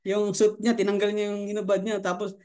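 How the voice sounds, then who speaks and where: A male marketing coach tells a story on a live stream. He is chatty and breaks into laughter often. His voice sits notably high. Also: completely flat delivery, a little fast, warm tone.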